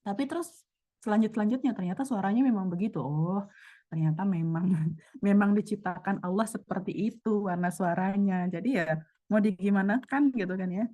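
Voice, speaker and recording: A woman's voice: medium pitch, brisk, dark tone. A woman chatting casually in an online religious study group, telling a story with many fillers.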